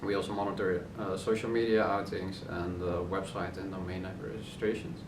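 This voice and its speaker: Low-voiced co-founder man, roomy and distant. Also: a little fast. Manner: relaxed, many uh fillers. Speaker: company co-founder. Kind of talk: casual interview answers. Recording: roomy office, distant mic, noisy hum.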